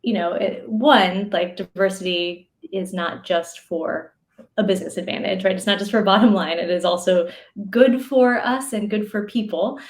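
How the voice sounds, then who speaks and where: A woman's voice: medium pitch, normal speed. A woman, a podcast guest and educator, answering interview questions thoughtfully with frequent fillers and asides. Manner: thoughtful, many fillers and asides, laughs often. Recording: roomy echo.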